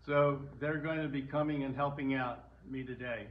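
A man's voice: mid-range voice, steady tone, moderate pace, muffled recording, slight background noise. An older man, speaking informally to an audience as the whistle player, plain and folksy with restarts, in an indoor room.

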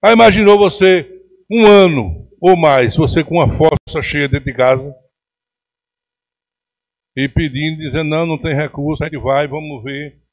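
A man's voice: a little high, moderate pace, pauses often, poor audio. A middle-aged man with a Pernambuco accent giving an emphatic, indignant plenary speech as a city councillor at a podium microphone in a council chamber. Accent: Pernambuco Brazilian Portuguese. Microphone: podium microphone on stand.

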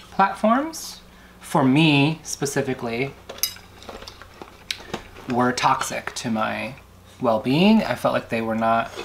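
A man's voice: mid-range voice, a bit bright, slight background noise. A young man co-hosting a casual eating show, chatty and rambling. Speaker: co-host. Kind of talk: casual mukbang chat.

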